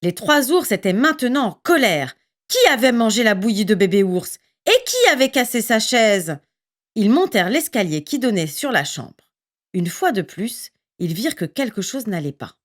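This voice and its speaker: Lively woman telling a children's story. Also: medium pitch, moderate pace. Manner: lively, expressive reading.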